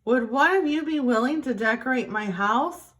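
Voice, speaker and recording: A woman voicing a kindly, courteous hermit crab in a children's storybook, with gentle exclaiming politeness. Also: fairly high pitch, expressive, normal speed, pitched above the performer's own voice. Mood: admiring, asking. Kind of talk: storybook character reading.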